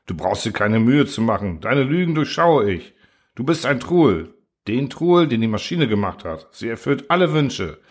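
A man voicing a sly, gleeful male robot constructor who mocks and coaxes in a raised, lively voice. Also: medium pitch, moderate pace, husky. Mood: gloating. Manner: mocking, cheerful cruelty.

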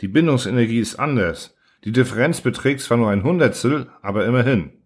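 A man voicing a calm, cautious ship scientist who explains in a slow, measured way, in an audiobook reading. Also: medium pitch, husky.

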